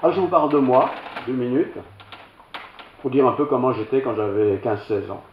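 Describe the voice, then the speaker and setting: In a church hall, an older man, a pastor with a Belgian French accent, shares a self-deprecating, homely childhood anecdote as part of a storytelling sermon. His mid-range voice is expressive and moderately paced, and the roomy, slightly dull recording has a bit of hiss or hum.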